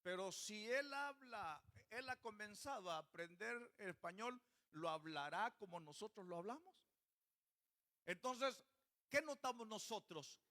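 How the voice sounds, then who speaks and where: Preaching a church sermon at a measured pace, a pastor with a high, bright voice keeps quizzing his congregation. He sounds sharp, forward and expressive.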